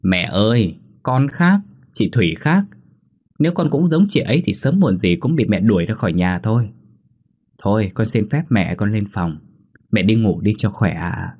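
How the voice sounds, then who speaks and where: A man's voice: fairly low pitch, expressive, normal speed, darkish tone, slightly rough. A man voicing a defiant young pregnant daughter-in-law who talks back in a ghost story.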